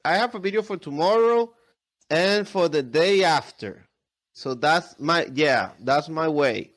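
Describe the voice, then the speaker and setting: A man's voice: a little high, lively intonation, a little slow, a bit bright. A man chatting casually as a podcast guest in non-native English, often repeating words and restarting his phrases. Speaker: podcast guest, airsoft video creator. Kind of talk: casual interview chat.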